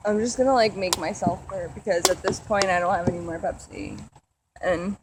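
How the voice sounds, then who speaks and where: A woman's voice: on the low side, lively intonation, normal speed. A woman hosting her video channel in casual banter, joking and putting herself down. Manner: self-deprecating, joking. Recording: noisy home video. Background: clear background noise.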